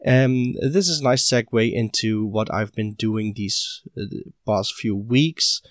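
Slow, halting man on a podcast. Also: fairly low pitch, dry recording, clean studio sound. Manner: halting, many fillers and restarts. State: recovering from illness, short of breath. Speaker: podcast host. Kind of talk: casual hobby podcast monologue.

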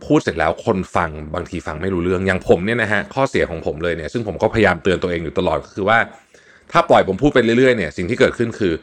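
A man with a deep voice races through a solo podcast, sharing tips in a chatty, casual style. As host, he uses many polite particles and repeats words often.

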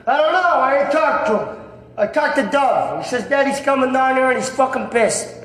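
A hot-tempered young gangster, high voice, cursing and sarcastic, crime film, roomy sound with faint hiss. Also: male voice, expressive, normal speed. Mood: angry. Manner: profane, shouting, cutting sarcasm. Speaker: gang member and crime boss's son. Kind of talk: 1990s crime film acting.

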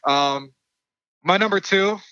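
A man's voice: high-pitched, slow pace, sharp tone, smooth, no echo, dull audio. A man co-hosting a podcast, talking through a movie casually with lots of fillers and restarts. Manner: rambling, many fillers and restarts. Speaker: podcast co-host.

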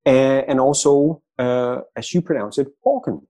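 A man's voice: mid-range voice, flat delivery, unhurried, mellow. A middle-aged man with a Danish accent, an author telling stories in an interview, often repeating words as he starts a sentence. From Denmark. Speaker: author guest. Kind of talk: conversational storytelling interview.

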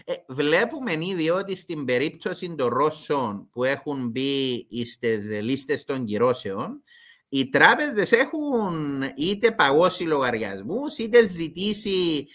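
A man's voice: fairly high pitch, big pitch swings, fairly bright tone. A man with a Cypriot Greek accent giving explanatory commentary as an expert guest in an interview.

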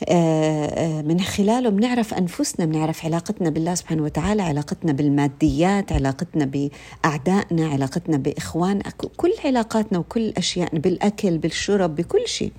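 A woman's voice: low voice, lively intonation, quick pace, dark tone, husky. A woman with a Levantine Arabic accent giving an informal religious talk, speaking to her listeners directly with many fillers and restarts.

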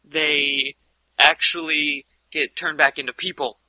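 A man chatting casually on a podcast, halting with many fillers. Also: fairly high pitch, steady tone, bright, forceful tone, dry recording, low-quality recording. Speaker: podcast co-host. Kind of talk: casual chat.

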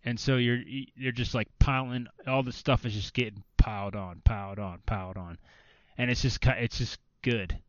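A man chatting casually on a podcast, rambling and filling his sentences with "like". His voice is smooth and clean, recorded dry and a little dull. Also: medium pitch, fairly even intonation, moderate pace, no room sound. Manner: rambling, filler-heavy, restarts often. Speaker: podcast co-host. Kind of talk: casual chat about video games.

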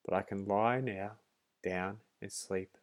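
A man's voice: low voice, steady tone, slow, clean tone, highs cut off. A man voicing a small, timid female bee grub in a storybook, musing to herself in a fretful way. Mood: content.

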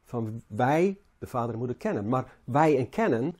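Husky, mellow preacher. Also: male voice, mid-range voice, lively intonation. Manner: halting, repeats words, rises and falls in emphasis. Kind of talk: sermon.

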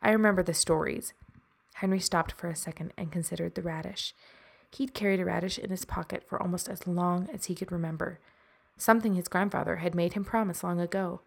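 A woman hosting a podcast, narrating a short story in a measured way and signing off in a friendly tone. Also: on the low side, vocal fry. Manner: even, measured reading with a friendly sign-off. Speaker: podcast host and story reader.

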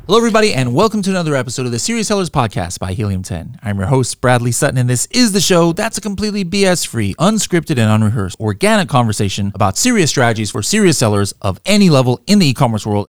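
Quick, energetic male host, mid-range voice, conversational interviewer. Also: mid-range voice, no room sound, studio quality. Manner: upbeat, quick, stammering restarts. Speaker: podcast host. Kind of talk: podcast hosting and interviewing.

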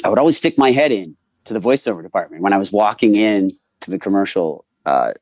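A man in his forties, a voice actor telling animated anecdotes in a casual interview and acting out the people he quotes. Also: on the low side, fast talker, no room sound. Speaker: voice actor guest.

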